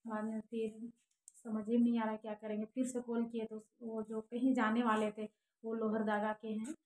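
Young woman, casual vlog storytelling, rambling with fillers, higher voice, flat delivery, echoey room. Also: normal speed. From Jharkhand, India. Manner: earnest, rambling retelling with many fillers. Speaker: vlogger.

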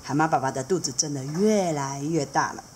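A woman teacher reading a picture book aloud to children, animated and asking them questions along the way. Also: low voice, fairly quick, a little hiss or hum. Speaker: children's art teacher, storyteller.

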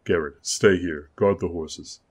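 A man voicing an arrogant young male lord who gives commands in a loud, haughty way. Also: sits low, a little slow, slightly rough.

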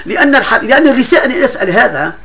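A man's voice: very high-pitched, expressive, rapid-fire, gravelly, pushed and bright. A man teaching a classroom grammar lesson, explaining patiently with frequent laughs and broken-off restarts.

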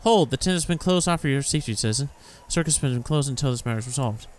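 A man's voice: medium pitch, expressive, fast talker, natural voice. A man voicing a formal, worried city guard in a fantasy game, stiff and official. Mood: official, concerned.

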